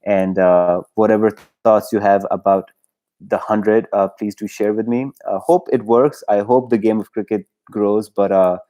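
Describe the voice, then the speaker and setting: A man talks in a casual solo livestream, his voice sitting a little low. He rambles and hesitates, stacking fillers and restarts and breaking into laughs as he goes. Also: steady tone, measured pace, mellow. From Pakistan. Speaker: YouTube livestream host.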